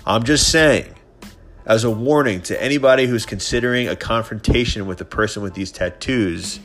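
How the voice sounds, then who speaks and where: A man's voice: lowish voice, moderate pace, a bit bright, soft background music. A man in his thirties hosting a solo podcast of opinion and sports commentary, sounding stuffy and nasal from a head cold, as if his nose were pinched, with a slightly scratchy throat. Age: 30s. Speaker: podcast host.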